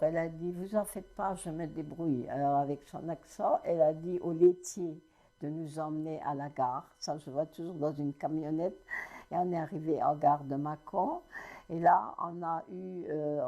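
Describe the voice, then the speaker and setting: An elderly woman in her nineties, from Lorraine in France, recounts her family's past for an interviewer. Her voice sits a little low with a dark, mellow tone. She tells it haltingly, backtracking and restarting often. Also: steady tone. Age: 90s. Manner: halting storytelling with many restarts. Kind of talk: oral history recollection.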